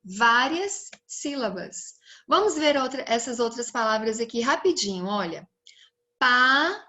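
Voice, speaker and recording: Brazilian lady teacher, talks real slow, higher voice, drawing out words for little kids. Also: lively intonation, a bit bright. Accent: Brazilian Portuguese. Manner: slow, stretched-out words and questions to the pupils. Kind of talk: recorded class lesson for children.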